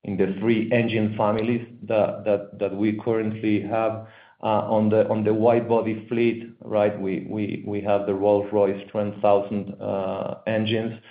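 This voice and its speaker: A man presenting company results over a conference call line that keeps cutting out, talking in a halting way and often repeating his words. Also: lowish voice, flat delivery. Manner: halting, stumbling delivery with many repeated words. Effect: heard over a conference call line that keeps cutting out. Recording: echoey, tinny phone-like call line.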